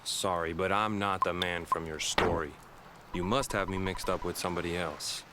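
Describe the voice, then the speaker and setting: An actor with a low, steady voice plays a young Hawaiian man, the grandson of a cursed fisherman, earnestly retelling his family's legend at a moderate pace. His voice sounds natural, but it's game audio set against background music with heavy background noise.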